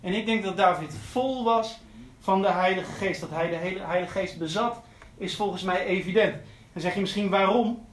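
A man delivers an earnest sermon, circling back to repeat his key phrases. His voice sits high for a man. The sound rings with the echo of a large church. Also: normal speed, few pauses, a little hiss or hum. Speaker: preacher.

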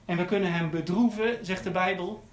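Guy preaching, high voice, keeps repeating stuff, big echoey church. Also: fairly quick. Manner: earnest, repeats key phrases for emphasis. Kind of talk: sermon.

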